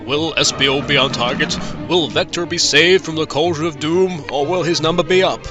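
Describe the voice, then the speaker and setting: A man's voice: on the high side, normal speed, highs cut off, music in the background, lightly acted. A man playing a wry, mock-grand serial announcer, narrating a comedy cartoon in melodramatic style. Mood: mock suspense. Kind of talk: mock-dramatic scripted narration.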